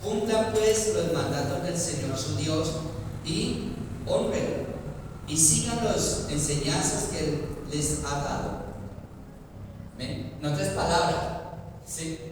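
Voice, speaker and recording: A male pastor preaching a sermon, with sudden loud climbs and pleading cries, often asking the congregation questions. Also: a little high, lively intonation, slow, long pauses. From Colombia. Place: church hall. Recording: echoey church hall from far off, noisy.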